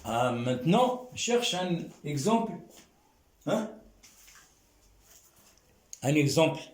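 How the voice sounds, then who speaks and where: A man teaching an Arabic reading lesson in French, sounding out syllables slowly and checking in with his students again and again. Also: fairly high pitch, very animated. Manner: drawn-out syllables, frequent questioning "hein?". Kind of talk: slow classroom lesson. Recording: echoey room.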